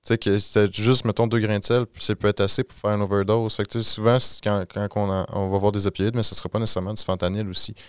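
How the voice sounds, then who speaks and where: Fast-talking Quebec French man. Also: on the low side, flat delivery, clear, resonant tone, dry recording, studio quality. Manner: fast, informal, peppers with "you know". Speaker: street outreach worker. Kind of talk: casual podcast discussion.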